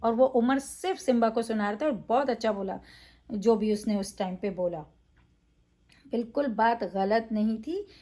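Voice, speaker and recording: A woman's voice: fairly high pitch, moderate pace, warm tone. A woman reviewing a reality show in a casual, opinionated way, emphatic, with frequent fillers.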